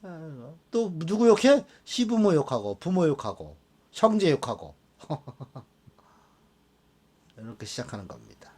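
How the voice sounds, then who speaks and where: A man teaching a class of students, animated and often checking that they follow along. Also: a little high, unhurried, long pauses, breathy edge. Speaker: fortune-telling teacher. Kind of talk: classroom lecture.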